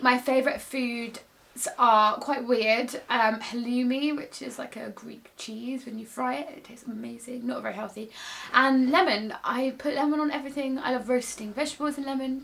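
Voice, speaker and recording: Chatty young woman with vocal fry. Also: sits high, fairly bright tone. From England. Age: 20s. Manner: chatty, laughs often, trails off with "so yeah". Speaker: vlogger. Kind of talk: casual to-camera chat. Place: home office at a desk.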